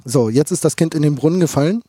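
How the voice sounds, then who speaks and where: A man's voice: fairly high pitch, fast, dark tone, husky, no echo, clean studio sound. A fish farmer talking casually in an interview, rambling and repeating words as he thinks aloud.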